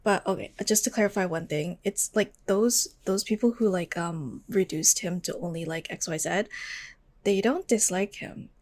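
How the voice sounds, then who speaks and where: Teasing woman steering a podcast chat. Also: lowish voice. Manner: teasing, steers the conversation with questions. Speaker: podcast co-host. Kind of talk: casual chat.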